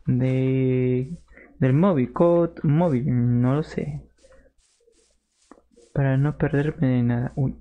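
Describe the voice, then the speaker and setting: Excitable male gaming streamer. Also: medium pitch, slow, long pauses, narrow, tinny audio, slight background noise. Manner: excitable, yelps and shrieks in panic; chats with live viewers. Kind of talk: live gameplay commentary.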